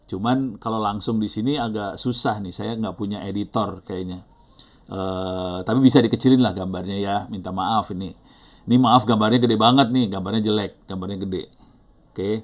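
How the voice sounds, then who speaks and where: Middle-aged male instructor, Indonesian accent, lowish voice, relaxed and rambling, lots of fillers. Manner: chatty, apologetic, thinks aloud with fillers. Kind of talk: live online teaching session.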